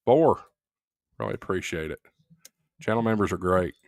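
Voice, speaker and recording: A man's voice: fairly low pitch, moderate pace, dry recording, studio quality. A man hosting a casual live stream, chatting loosely with many fillers and reading viewer comments aloud.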